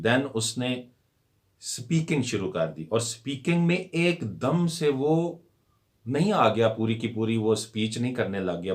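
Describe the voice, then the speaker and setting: Slow, low-voiced man teaching a lesson. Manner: repeats words slowly, mixing English terms into Urdu. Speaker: English teacher. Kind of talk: explanatory lesson.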